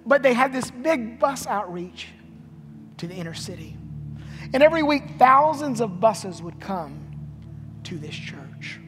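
A man's voice: very high voice, big pitch swings, unhurried, a bit bright. A male pastor preaching a sermon, telling a story and building to fervent repeated refrains, in an empty church sanctuary. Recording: long hall reverb with music behind. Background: music.

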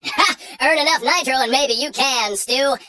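A man voicing a polished, pompous cartoon rooster race-show anchor with crisp, mock-formal announcer delivery. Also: very high-pitched, moderate pace, bright, forceful tone, no echo, heavily acted. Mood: brisk. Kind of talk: cartoon sports commentary parody.

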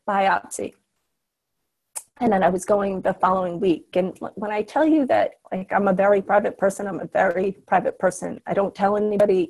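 A woman's voice: mid-range voice, vocal fry, a little mellow. A middle-aged woman, a guest on a video call, tells a personal story in an earnest, hesitant way, full of restarts and fillers. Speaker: interview guest.

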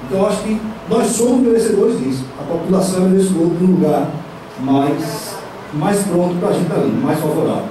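A man's voice: high-pitched, animated, brisk. A young man addressing a city council chamber on a handheld mic, hesitant and repeating words, often checking "right?" with the room. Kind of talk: council floor speech. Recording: echoey chamber from a far camera, noisy.

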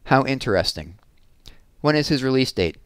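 A man reading aloud, voicing a sharp, probing female lawyer who questions coolly and pointedly. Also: mid-range voice, lively intonation, normal speed, clear, resonant tone, no room sound, voice pushed up, natural voice.

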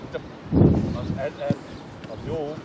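A man shouting encouragement and instructions to young football players at an outdoor match. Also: fairly high pitch, level tone, a loud crowd. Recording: noisy outdoor match recording.

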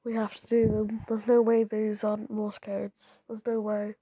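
Young woman, slightly hoarse and mellow, reading a story aloud and reacting chattily between lines. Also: medium pitch, monotone, normal speed, no echo. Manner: chatty, giggly, stumbling restarts. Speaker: YouTuber reading stories.

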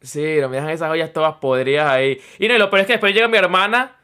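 A man's voice: on the high side, fast talker, bright, forceful tone, smooth. A young man streaming, chatting casually in a rambling way, playfully boastful and mock self-pitying.

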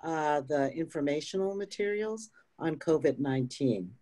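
An older woman, a union representative, speaks emphatically on a video-call panel discussion, tagging her points with "right?". Her voice is low, animated and mellow, at a moderate pace.

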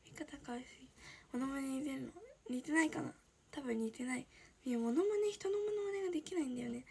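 An 18-year-old woman from Shizuoka, Japan, chatting casually on a livestream and answering viewer comments, often slipping into a soft breathy whisper. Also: sits high, a little hiss or hum. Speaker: idol livestreamer.

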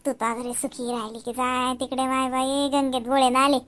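A doting cartoon village mother, as a woman voices her, speaking. She sighs and talks with soft motherly emotion. Her voice sits high and bright. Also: level tone, normal speed. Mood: tender.

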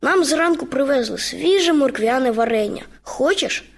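A woman's voice: sits high, expressive, normal speed, gravelly, soft background music, full character voice. A woman doing a kindly lady bear shopkeeper. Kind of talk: children's radio story.

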